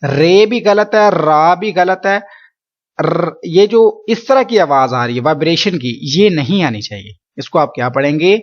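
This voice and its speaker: A man teaching Quran letter pronunciation, patiently explaining and drawing each sound out slowly for students to repeat. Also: fairly high pitch, highs cut off. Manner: slow drawn-out letter drills, patient explaining. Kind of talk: pronunciation lesson.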